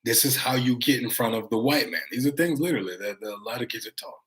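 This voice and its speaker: A man's voice: medium pitch, fast talker, a bit bright, poor audio. A young American man chatting casually to his viewers on a livestream, rambling between chat replies and longer thoughts. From United States. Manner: rambling, talks straight to viewers, many fillers. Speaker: vlogger reading live chat.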